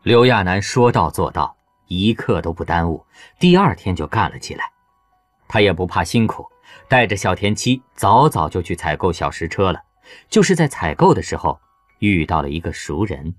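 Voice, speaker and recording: A man reading an audiobook novel as its narrator, in a lively storytelling way. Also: deep voice, normal speed, dry recording, soft background music. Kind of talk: scripted narration.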